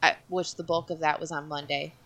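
A woman co-hosting a podcast, relaxed and chatty about the games she plays. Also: low voice. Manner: relaxed and chatty, quick to agree. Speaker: podcast co-host. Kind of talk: casual podcast chat.

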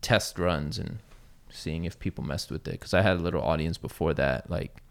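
Low and creaky at a normal speed, this man's voice belongs to a thirty-something sneaker YouTuber. He chats casually and rambles, dropping many fillers and curse words.

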